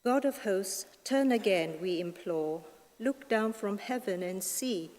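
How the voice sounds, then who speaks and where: A woman slowly reading scripture and leading responses at Mass, in a long cathedral echo. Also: medium pitch, animated, a little mellow. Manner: slow, measured reading. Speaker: reader at Mass. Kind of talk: liturgical reading and psalm responses. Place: large church. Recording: echoey church from far off.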